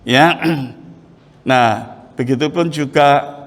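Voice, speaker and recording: A middle-aged man preaching a sermon in a folksy storytelling way, with many "ya" fillers and sudden high exclamations. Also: drawn-out words. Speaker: pastor. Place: church sanctuary. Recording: church hall reverb.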